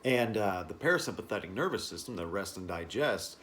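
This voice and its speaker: A man teaching a wellness class informally, explaining in short phrases with halting pauses. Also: fairly low pitch, expressive, a bit bright, slight background noise. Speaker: breathing and stress-relief class instructor.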